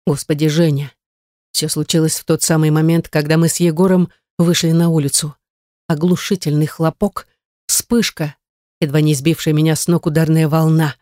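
A woman's voice: deep voice, level tone, normal speed, warm tone, no echo. A woman reading a first-person novel in a tense, dramatic way into a close studio mic. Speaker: audiobook narrator.

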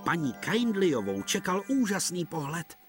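A man narrates a children's cartoon in a gentle storybook style. His mid-pitched voice moves with lively, animated intonation, and soft music plays faintly behind him. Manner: gentle, expressive.

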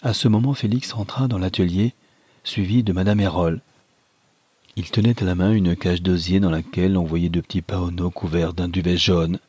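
Low, husky male audiobook narrator. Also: steady tone, moderate pace, darkish tone, dry recording. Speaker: audiobook reader. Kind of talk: scripted narration of a novel.

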